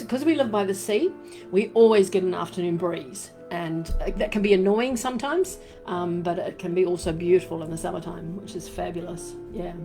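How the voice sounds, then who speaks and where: A woman's voice: lowish voice, mellow. Chatty New Zealand woman gushing over crystals. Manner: chatty and rambling, many fillers, gushing "fabulous" and "beautiful". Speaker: crystal and essential oil live-stream host. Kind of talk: casual live-stream chat. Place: home room. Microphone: desk microphone she turns around.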